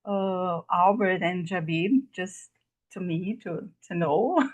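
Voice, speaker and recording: A Brazilian guest lecturer, a native Portuguese speaker with a matching accent, presents informally to an online class over video call. Her voice is lowish, animated, and slow, and she's hesitant and apologetic, with frequent fillers and restarts.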